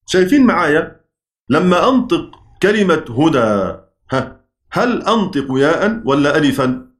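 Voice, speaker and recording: A man's voice: fairly high pitch, very animated. Egyptian man teaching with classroom questions. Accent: Egyptian Arabic. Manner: asks the class questions and answers them himself; chants verse lines slowly. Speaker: Quran recitation teacher. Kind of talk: classroom lecture.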